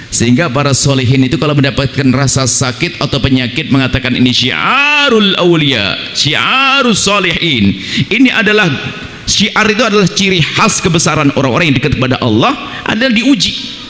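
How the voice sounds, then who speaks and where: Male preacher, bright animated voice, conversational sermon that drops low for quoted prayers, long hall reverb. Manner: lively, acts out imagined prayers in a lower voice.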